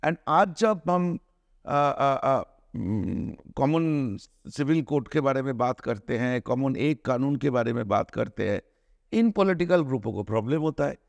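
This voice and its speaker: A middle-aged man from India, a film director giving an interview, arguing his points earnestly with many restarts and drawn-out hesitations. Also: mid-range voice, expressive, gravelly, dry recording, dull audio. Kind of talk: conversational interview, mixing Hindi and English.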